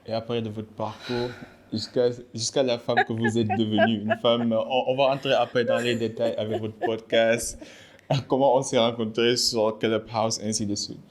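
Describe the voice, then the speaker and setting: A man's voice: mid-range voice, level tone, normal speed. Upbeat podcast host man. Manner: friendly and upbeat, with hesitations and laughs. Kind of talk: podcast interview.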